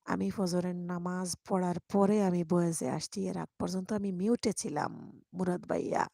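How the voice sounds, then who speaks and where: Woman streamer, quiet bedside live chat, husky dark voice, dry close mic. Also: lowish voice, fairly even intonation, normal speed, dry recording. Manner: speaks softly and quietly so a sleeping baby stays asleep. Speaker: live streamer greeting viewers. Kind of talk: casual live chat, reading comments. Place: bedroom, lying on the bed beside her baby. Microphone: microphone.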